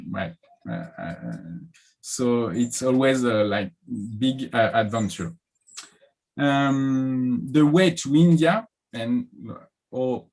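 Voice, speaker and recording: Male academic panelist, French accent, hesitant delivery with frequent pauses. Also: mid-range voice, rough recording. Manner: halting, many filler sounds and restarts. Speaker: panel speaker. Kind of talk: academic conference talk.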